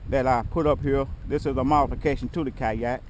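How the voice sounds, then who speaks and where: A man fishing from a kayak outdoors, chatting casually to viewers and his partner, often excited. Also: medium pitch, a little fast, a little hiss or hum. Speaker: kayak angler filming his trip. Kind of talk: casual fishing vlog chat. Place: kayak on open water outdoors. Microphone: action camera mounted on the kayak.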